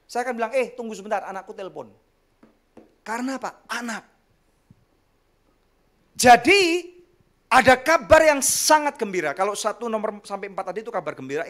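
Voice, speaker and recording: A male pastor preaching a sermon to a congregation, animated and joking, with sudden loud bursts and acted-out quotes. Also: extremely high pitch. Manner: addresses the congregation often, jokes and laughs. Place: church service.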